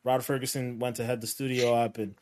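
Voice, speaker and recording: A man hosting a casual gaming podcast, talking in a relaxed, rambling way. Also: medium pitch, fairly quick, a little hiss or hum. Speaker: podcast host. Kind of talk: casual chat.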